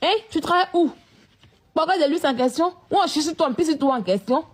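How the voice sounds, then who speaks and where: Woman vlogger, high-pitched, confrontational rant. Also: lively intonation, quick pace. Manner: scolding, repetitive, confrontational. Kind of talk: live-stream rant.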